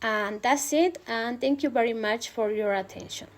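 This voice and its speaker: A young woman walks through a pronunciation lesson as a student presenter, her voice sitting a little high. She talks in a hesitant, careful way, filling pauses with frequent "eh" sounds. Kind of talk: recorded class presentation.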